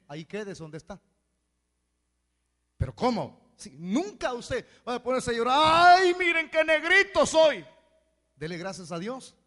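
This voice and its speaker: A man preaching a sermon as pastor, with animated asides where he mimics complaining people. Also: sits high. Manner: preaching with acted asides in mocking voices. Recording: hall reverb.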